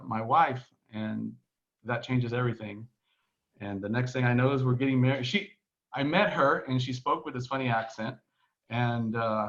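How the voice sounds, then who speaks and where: This Texan man, from Texas in the US, has a mid-range, slightly bright voice, and the recording has its highs cut off. Calling in remotely from his Barcelona home, he chats as a podcast guest in a relaxed conversational interview, rambling through his story with plenty of fillers and false starts.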